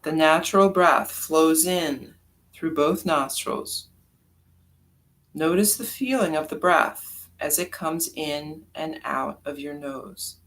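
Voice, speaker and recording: Leading a yoga nidra session, the teacher uses a calm, quiet, mid-range voice and pauses at length. A little hiss or hum is present on the recording.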